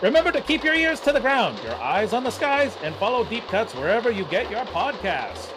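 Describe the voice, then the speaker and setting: Brief: old newsreel announcer, male, grand and pitched high, a podcast host putting it on. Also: very animated, fairly quick, background noise. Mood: grandiose. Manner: booming, showy transatlantic radio cadence.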